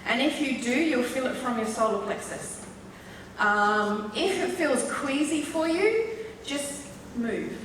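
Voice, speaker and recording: Taking it slowly, a woman with an English accent leads a live stage demonstration as a medium, joking and chatting with the audience and laughing as she explains. Her high-pitched voice is fairly bright with lively intonation. The recording comes from far away in an echoey festival hall, with faint hiss.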